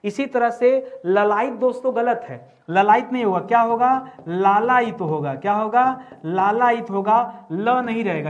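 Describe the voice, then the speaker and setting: A man's voice: high-pitched, highs cut off. A man teaching a grammar class, asking each answer back to his students and repeating it. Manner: repeats each word as a question to the class, addresses students as friends. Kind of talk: classroom lesson at a board.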